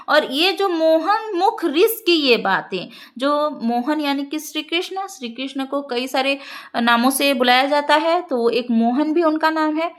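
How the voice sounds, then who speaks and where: A woman teacher explaining a poem line by line in a lesson, checking in with her listeners and reciting the verses slowly. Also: high-pitched, a bit bright. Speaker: Hindi teacher.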